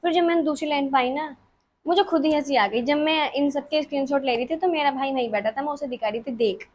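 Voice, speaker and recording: A woman's voice: sits high, quick pace, slight background noise. A woman of twenty, chatting casually as a vlogger answering follower questions in her bedroom, giggly and self-mocking. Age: 20s. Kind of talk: casual chat.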